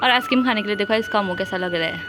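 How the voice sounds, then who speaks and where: A woman's voice: medium pitch, very fast. Young mother vlogging, music playing behind. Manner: coaxing baby talk to her toddler. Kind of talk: casual family vlog narration.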